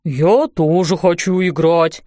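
A mischievous talking dustpan from a storybook speaks in a low, dusty drawl, as a woman puts it on. Every word is stretched out slowly, and the sound is close and dry with no room echo. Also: fairly even intonation, warm tone. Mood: playful. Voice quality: dusty, slow.

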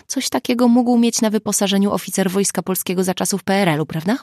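A woman reading the lines of a brisk, teasing amateur sleuth in an audiobook. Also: mid-range voice, darkish tone, no echo, clean studio sound, voice pushed up, lightly acted. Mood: earnest. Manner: brisk, matter-of-fact, teasing. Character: grown woman, sharp-witted amateur sleuth.

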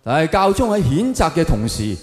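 Performing stand-up for a live crowd, a Hong Kong man with a Cantonese accent sounds sardonic and theatrical, firing off rhetorical questions. His fairly high voice is sing-song and brisk, with faint music in the background. Long reverb fills the echoey hall.

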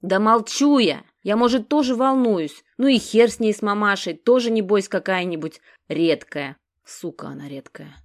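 A woman's voice: medium pitch, moderate pace, hardly any pauses, voice pushed up, natural voice. A woman voicing a chatty, good-natured young man who rambles and mumbles, in an audiobook. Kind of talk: audiobook character voice.

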